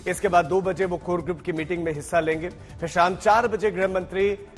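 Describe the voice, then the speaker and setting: A man's voice: high-pitched, steady tone, a little fast. A man working as a news anchor, reading a scripted bulletin. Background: music bed.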